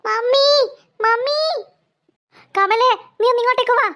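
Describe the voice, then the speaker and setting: A woman doing a jittery cartoon girl, squeaky. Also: steady tone, unhurried, sharp tone, full character voice. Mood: calling out. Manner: breathless, stammering. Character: young girl Pinki, nervous and excitable. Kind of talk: cartoon voice acting.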